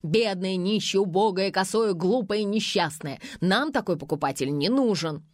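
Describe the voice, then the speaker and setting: A woman voicing a bossy young male film director who yells orders on set. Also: mid-range voice, moderate pace, no echo, clean studio sound, close to an everyday voice. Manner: yelling, barking orders.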